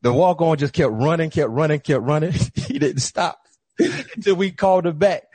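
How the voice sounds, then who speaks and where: Animated husky-voiced male sports co-host. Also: a little high, moderate pace, dry recording. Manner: animated storytelling, acting out quoted coaches. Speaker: podcast co-host. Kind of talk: casual sports chat.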